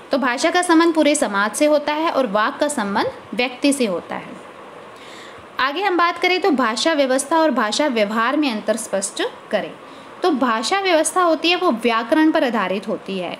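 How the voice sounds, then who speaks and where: A woman with a high voice teaches a college language lecture in Hindi. She explains step by step, often asking a question and then answering it herself. A faint background hum sits under her voice.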